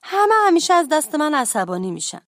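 A woman's voice: high-pitched, sing-song, dry recording, studio quality, voice pushed up. A woman voicing a restless, lonely schoolboy who keeps getting into trouble, in a children's storybook reading. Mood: sad. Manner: loud, eager and plaintive.

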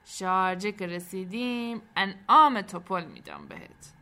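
A woman voicing a loud, pushy grown-man stranger. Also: medium pitch, wildly swooping pitch, gravelly, exaggerated voice.

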